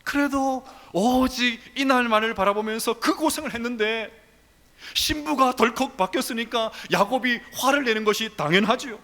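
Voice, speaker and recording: High, bright-voiced preacher in a church. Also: male voice, moderate pace. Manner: storytelling, dramatic. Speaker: pastor. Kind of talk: sermon. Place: church sanctuary. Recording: long church reverb.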